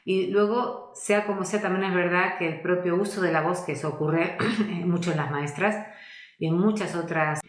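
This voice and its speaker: Voice coach lady, lowish voice, reflective, kinda echoey room. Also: steady tone, moderate pace. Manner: thoughtful, searching for words, gentle invitations to the listener. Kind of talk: reflective teaching talk.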